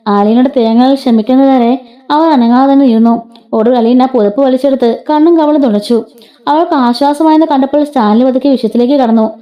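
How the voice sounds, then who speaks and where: A woman's voice: high voice, fairly quick, warm tone. A woman narrating a serial story, reading the dialogue without much change of voice. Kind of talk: read-aloud story narration. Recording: dull lo-fi sound.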